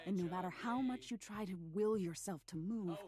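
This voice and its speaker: A woman reading scripted second-person narration for a game in a measured, suspenseful way. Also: mid-range voice, music in the background.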